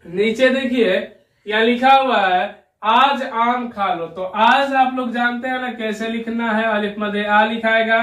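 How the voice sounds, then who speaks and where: A man teaching an Urdu spelling lesson, patient and steady, checking again and again that the learner follows and quizzing them. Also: extremely high pitch, unhurried, far from the mic. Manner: patient, keeps asking "ठीक है ना" and quizzing the learner. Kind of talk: slow spelling lesson at a whiteboard. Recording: roomy echo, voice a little off-mic.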